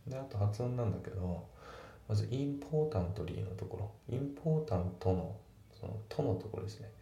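A man teaching English grammar and pronunciation in a calm, methodical way, reading example sentences slowly. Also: fairly low pitch, gravelly. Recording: echoey room with faint background noise.

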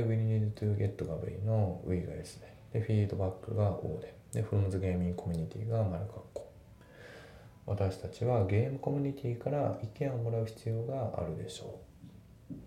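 A man teaching English grammar in a casual, relaxed way, with many fillers, slowing down to read the English example sentences. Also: vocal fry. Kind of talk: casual spoken lesson. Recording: echoey room with faint rumble.

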